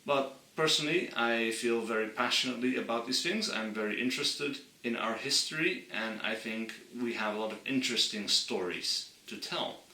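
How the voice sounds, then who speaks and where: A man from Friesland, earnestly explaining history to his channel's viewers and slowing down to stress key points. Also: medium pitch, sharp tone, reverberant, far from the mic, poor audio. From Friesland, Netherlands. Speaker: channel host. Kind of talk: explainer monologue.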